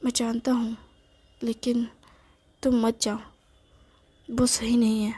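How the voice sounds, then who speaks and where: An insistent, protective young man who pleads and argues, read by a woman in a fairly high, even, mellow voice. The delivery stays flat and steady, like a storybook telling. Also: takes it slowly, husky, no room sound. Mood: pleading.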